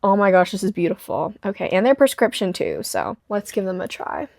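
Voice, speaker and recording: A woman's voice: mid-range voice, vocal fry, dry recording, clean studio sound. A young woman with a slight lisp from her retainers, chatting casually and gushing in a book vlog. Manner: bubbly, gushing, quick bursts of excitement. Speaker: book vlogger. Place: bedroom at night.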